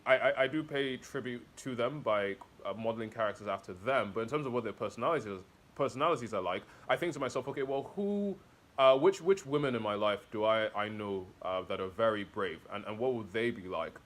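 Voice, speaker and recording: A man's voice: medium pitch, brisk, a bit bright. A man being interviewed about his comic, talking casually and hesitantly with many fillers and restarts. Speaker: interview guest, comic author.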